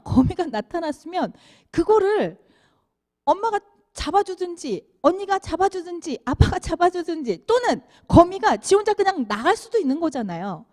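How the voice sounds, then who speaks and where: A woman giving a children's sermon, animated and asking the kids questions as she tells the story. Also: very high-pitched. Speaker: children's minister.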